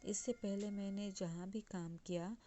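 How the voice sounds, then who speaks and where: A meek, timid young governess from a textbook story, read aloud by a woman teacher. The reading is slow and soft, with a mellow, gentle tone. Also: medium pitch, steady tone, close to an everyday voice. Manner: reads quoted lines aloud from a textbook.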